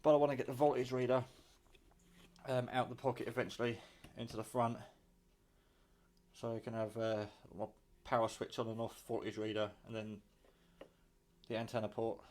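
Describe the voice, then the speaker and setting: This British hobbyist presents his own radio build from his kitchen, chatting casually and informally with some mild swearing as he rambles along. He speaks at normal speed in a mid-range, darkish voice with flat delivery.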